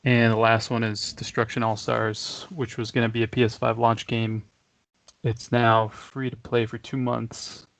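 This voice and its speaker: A man with a gravelly, creaky voice co-hosting a relaxed chat show. He rambles easily and chuckles between thoughts. The sound is dry and close, with little room around it. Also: mid-range voice, a little slow, no echo. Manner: laid-back, chuckling, rambling. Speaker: podcast co-host. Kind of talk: casual chat.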